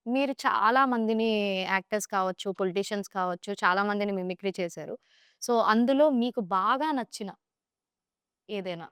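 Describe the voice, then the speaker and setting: A woman's voice: medium pitch, fairly quick, a bit bright, clean tone, no room sound, clean studio sound. A woman hosting a podcast interview who asks questions and listens attentively. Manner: attentive, with frequent short backchannel sounds. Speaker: podcast host.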